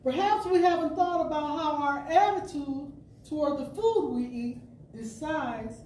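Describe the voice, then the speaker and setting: In an indoor spiritual center hall, a woman storyteller with a fairly high, mellow voice gives a dramatic reading of an inspirational spiritual radio talk to an audience. She speaks very slowly, with deliberate phrasing and expressive pauses. The roomy recording comes from a distant mic and carries faint noise.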